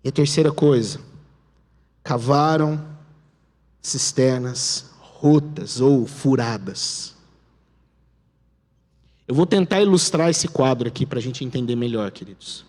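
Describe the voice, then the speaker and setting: A man with a Brazilian Portuguese accent preaching a sermon as pastor, telling the story dramatically and dropping to a hush at key moments. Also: medium pitch, slow, pauses often. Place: church sanctuary. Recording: long church hall reverb.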